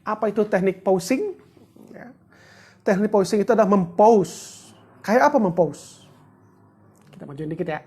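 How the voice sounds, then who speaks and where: A woman's voice: medium pitch, lively intonation, normal speed, pauses often, a little mellow, a little hiss or hum. A woman giving a chatty, joking livestreamed teaching talk, greeting viewers and walking them through steps. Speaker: book discussion presenter.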